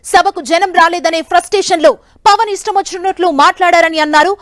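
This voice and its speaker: A woman reading a scripted news voice-over in a brisk, even newsreader manner on a close studio mic. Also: extremely high pitch, dry recording. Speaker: news narrator.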